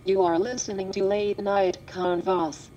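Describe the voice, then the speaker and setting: A synthetic female text-to-speech voice, a computer robot voice reading a station ident in a flat, evenly spaced way. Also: medium pitch, measured pace, a little hiss or hum. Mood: robotic. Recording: dull lo-fi computer speaker played into the mic.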